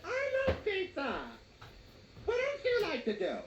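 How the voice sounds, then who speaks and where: A squeaky childlike middle-aged man. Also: wildly swooping pitch, measured pace, reverberant, highs cut off, background noise, full character voice. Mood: nervous, eager. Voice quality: high, innocent and eager. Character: simple-minded childlike 48-year-old man.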